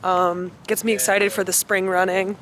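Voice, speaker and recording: A woman's voice: mid-range voice, level tone, moderate pace, a bit bright, slight background noise. A young woman chatting casually to camera as a running vlogger, in an informal, chatty way. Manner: informal, chatty, mild swearing.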